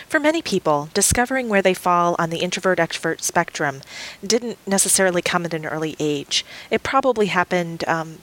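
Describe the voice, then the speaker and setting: A woman's voice: lowish voice, a bit bright, poor audio. A woman hosting a podcast, reading a scripted introduction and then asking encouraging, slightly hesitant questions. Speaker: podcast host, coach.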